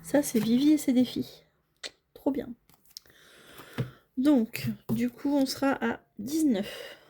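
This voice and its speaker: A woman's voice: high-pitched, slow, dark tone, a little hiss or hum. A woman talking casually as she fills cash envelopes at home, narrating each small task and often apologizing to her viewers, sometimes dropping to a near-whisper. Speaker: budgeting vlogger. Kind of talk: casual talk while filling cash envelopes.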